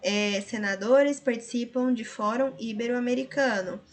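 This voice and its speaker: Brazilian lady teacher going over a worksheet, patient, step by step, kinda high voice. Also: a little slow. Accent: Brazilian Portuguese. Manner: patient, explaining step by step with frequent tag questions. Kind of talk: recorded lesson reviewing answers.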